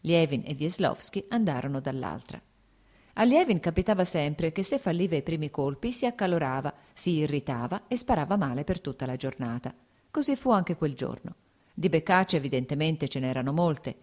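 Low-voiced woman reading a novel. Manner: steady, measured literary reading. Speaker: audiobook narrator. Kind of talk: scripted audiobook narration of a classic novel.

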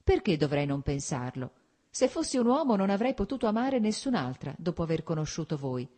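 A woman's voice: fairly low pitch, big pitch swings, brisk, mellow. A woman reading an audiobook voices an earnest, impulsive young noblewoman who questions intensely and emotionally.

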